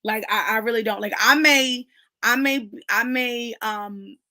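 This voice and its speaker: A woman's voice: fairly high pitch, a little slow, bright, forceful tone, dry recording. A woman in casual, emphatic conversation about faith at a book club, talking with lots of fillers.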